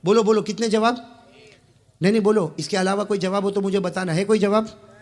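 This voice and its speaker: A man from Gujarat preaching an emotional sermon, swinging from quiet talk to impassioned shouting and urging the crowd to answer back. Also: high-pitched, fairly even intonation, brisk. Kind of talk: emotional sermon to a live gathering. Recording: long reverb from a large hall.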